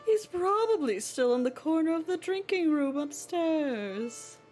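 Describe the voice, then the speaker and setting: Woman putting on a matronly, motherly tavern-keeper bird, lively pitch. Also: a little slow, faint music behind. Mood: blunt, motherly. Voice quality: deep matronly voice. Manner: motherly, folksy, blunt. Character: matronly older female bird tavern keeper, brassy and familiar. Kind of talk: video game character voice read aloud.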